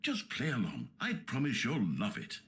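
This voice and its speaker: A smug, all-knowing game narrator talks in a dry, mock-soothing tone. His pitch swings widely from low to high, drawing out words for ironic effect. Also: wildly swooping pitch, normal speed, a bit bright. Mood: sardonic. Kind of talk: scripted video game narration.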